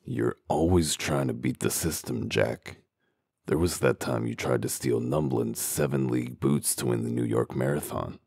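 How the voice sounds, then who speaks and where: Very deep, gravelly wolf detective. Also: male voice, normal speed, a little mellow, no echo, full character voice. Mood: sardonic, stern. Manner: dry, sardonic, interrogating. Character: gruff, world-weary wolf detective in human form. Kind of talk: comic dub detective drama acting.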